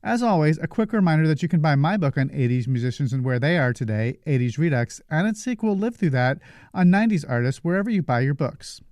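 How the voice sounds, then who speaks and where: Podcast host, light dry voice. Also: male voice, fairly high pitch, expressive, fast talker, a little mellow, dry recording. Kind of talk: scripted intro and outro.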